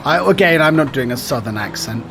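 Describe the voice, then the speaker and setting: A man's voice: medium pitch, expressive, a little fast, over music. A man co-hosting a podcast, chatting casually and reading a screenplay aloud, joking and laughing often. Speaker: podcast co-host.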